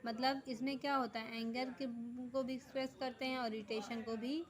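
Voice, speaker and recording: A woman teacher giving a grammar lesson, reading definitions slowly word by word, then explaining them quickly. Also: a little high, little pitch movement, rough recording. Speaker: school teacher.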